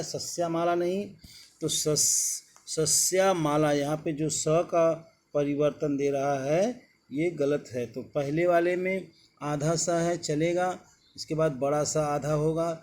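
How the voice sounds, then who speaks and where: Slow, deliberate male teacher. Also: on the high side, darkish tone. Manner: slow, deliberate dictation of words one by one. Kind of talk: exam-prep lesson on spelling.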